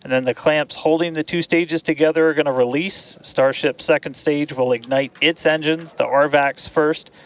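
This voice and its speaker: A man's voice: a little high, fairly even intonation, normal speed, few pauses. A man giving live technical commentary on a launch, explaining it informally.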